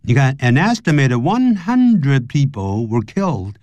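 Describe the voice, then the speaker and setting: A man teaching English grammar on a broadcast lesson, explaining in Chinese and reading English example sentences slowly and carefully. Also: mid-range voice, very animated, a little mellow, no room sound.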